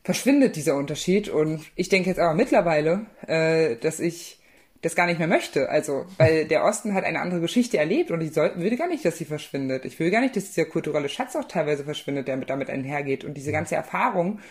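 Low-voiced young woman author, halting. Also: expressive, a little mellow. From eastern Germany. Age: young adult. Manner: hesitant, many fillers and restarts. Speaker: author guest. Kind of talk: conversational podcast interview.

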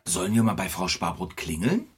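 A man's voice: deep voice, sing-song, brisk, breathy edge, full character voice. A man voicing a timid, polite young male character in a children's audio drama, hesitant and apologetic.

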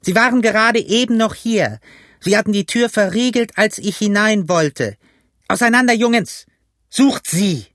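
For an audiobook, a man voices a furious, blind old pirate beggar, shrieking curses and barking orders at his gang. He pitches the character high, above his natural voice, keeping it expressive, slightly bright and at normal speed, captured as a dry studio-quality recording.

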